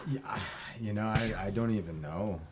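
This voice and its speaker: A man from a band chatting casually, pausing often with ums as he searches for names. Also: lowish voice, crowd noise. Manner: hesitant, lots of ums. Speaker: band member guest. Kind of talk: casual chat.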